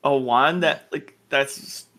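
A man's voice: mid-range voice, slow pace, bright, forceful tone. A man co-hosting a podcast, chatting casually about anime in a slangy, profane, rambling way. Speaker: podcast co-host.

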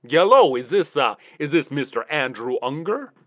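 A man's voice: fairly high pitch, very animated, moderate pace, no room sound. A man hosting a comic podcast and talking over the phone, rambling in a folksy way with plenty of "you know" and "uh". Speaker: podcast host. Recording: dull, dry phone line sound.

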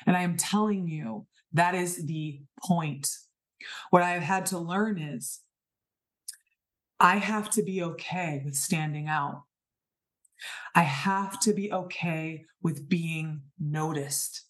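In her thirties, this podcast host speaks slowly in a fairly low, fairly bright voice. She delivers an earnest, emphatic inspirational spiritual monologue packed with rhetorical questions.

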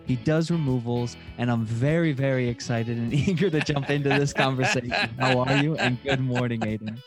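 A man hosting a podcast, chatting casually and dropping quick slang reactions. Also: mid-range voice, soft background music. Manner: friendly, hypey slang interjections. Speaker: podcast host.

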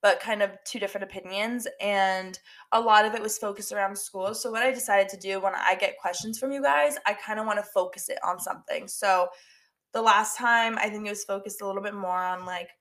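A woman's voice: mid-range voice, steady tone, fairly quick, fairly bright tone. A young woman hosting a casual solo podcast, talking in a chatty way full of "like" and repeated words, her voice stuffy and nasal from allergies. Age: young adult. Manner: chatty, filler-heavy with lots of "like" and repeats. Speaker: podcast host.

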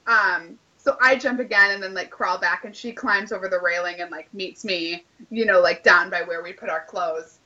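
Bright chatty woman in her late twenties. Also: on the low side, normal speed, hardly any pauses, muffled recording. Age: late 20s. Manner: chatty, lots of "like", acts out quoted dialogue. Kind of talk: casual storytelling.

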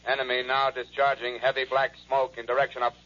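A man's voice: mid-range voice, monotone, a little fast, pushed and bright, close to an everyday voice. An actor playing a male military radio operator in a 1930s radio drama, calling stations in clipped, terse reports. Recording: dull lo-fi 1930s radio recording.

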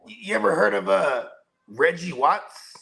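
A man's voice: sits high, expressive, measured pace, creaky, bright, forceful tone. A man co-hosting a podcast, telling stories in slangy casual chat and laughing often. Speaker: podcast co-host.

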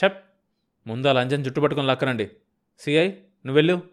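A man's voice: a little high, lively intonation, moderate pace, close to an everyday voice. A man voicing a coarse, short-tempered senior police officer who barks sneering questions. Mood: roaring.

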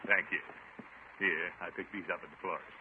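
An actor playing a pompous, flirtatious middle-aged bachelor uncle in a 1950s radio sitcom, with a blustery theatrical delivery. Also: male voice, low-pitched, fairly even intonation, fairly quick, close to an everyday voice. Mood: courting, coy. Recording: tinny, noisy 1950s radio recording.

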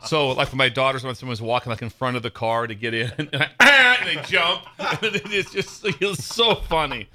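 A man from Nebraska, co-hosting a casual sports podcast, telling stories in an excitable, animated way and laughing often. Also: mid-range voice, normal speed, hardly any pauses. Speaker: podcast co-host.

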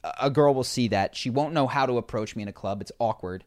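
A man's voice: mid-range voice, fast. A young man co-hosting an advice podcast, telling stories in casual chat and laughing often. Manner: laughs often, animated storytelling. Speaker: podcast co-host.

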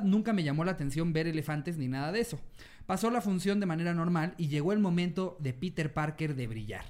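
A man's voice: sits high, darkish tone. A man with a Mexican accent hosting a podcast, joking in slang and reading listener stories aloud. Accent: Mexican Spanish. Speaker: podcast host.

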